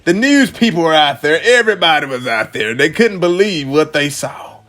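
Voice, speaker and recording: With a fairly high voice, a father and host spins an off-the-cuff bedtime tale for children, drawing out his delivery animatedly and using repeated phrases for emphasis.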